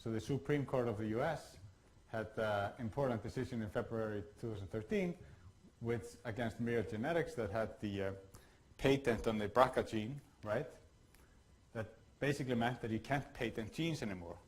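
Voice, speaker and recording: The clip has poor audio with a little hiss or hum. In it, a man from Iceland lectures at a workshop in a medium-pitched voice, hesitating often with fillers and restarts.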